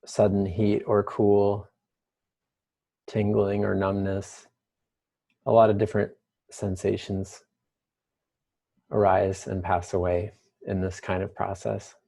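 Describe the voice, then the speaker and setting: A man leading a guided meditation with the slow, hushed delivery of a mystical healer. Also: lowish voice, little pitch movement, vocal fry.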